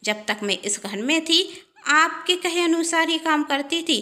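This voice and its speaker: A woman's voice: very high voice, animated, measured pace, sharp tone, voice pushed up, exaggerated voice. A woman voicing a scheming elder sister-in-law who gossips in a coaxing, falsely sweet tone. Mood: complaining.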